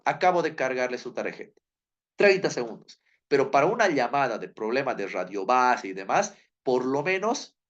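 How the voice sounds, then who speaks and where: Male teacher, mid-pitched, tells classroom anecdotes with acted-out voices, muffled recording. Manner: storytelling, acts out quoted voices, repeats key points.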